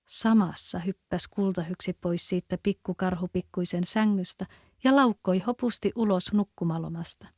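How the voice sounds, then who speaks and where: Female narrator, Kven accent, calm storybook reading, mellow tone, dry close sound. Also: medium pitch, no echo.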